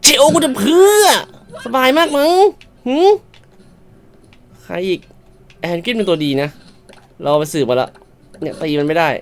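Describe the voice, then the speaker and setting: A woman commentating a shop game, loud and exclamatory, swearing playfully at the game characters and now and then switching to a polite clerk voice. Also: lowish voice, very animated, unhurried, long pauses. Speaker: gamer. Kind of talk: let's-play commentary.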